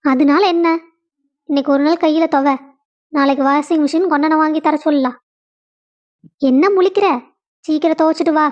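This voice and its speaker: A woman's voice: sits high, steady tone, normal speed, pauses often, highs cut off, natural voice. A woman voicing a bossy sister-in-law who gives orders, with a Kongu Tamil accent.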